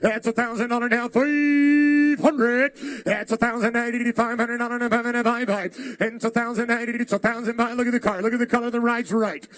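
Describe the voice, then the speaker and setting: A man's voice: very high voice, flat delivery, a little fast, few pauses, a bit bright, no room sound, studio quality. A man working as an auctioneer, calling bids in a rolling, repetitive chant of numbers. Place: live car auction.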